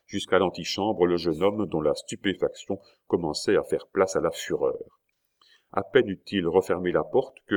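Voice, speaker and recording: A man narrating a historical novel as an audiobook, in a measured, even storytelling manner. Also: low-pitched.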